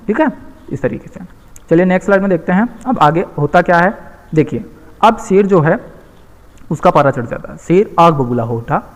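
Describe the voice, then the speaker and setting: A male teacher walks young pupils through a children's story, patiently explaining difficult words and checking in with them often. His voice sits a little higher than most men's. A long hall reverb hangs on every phrase.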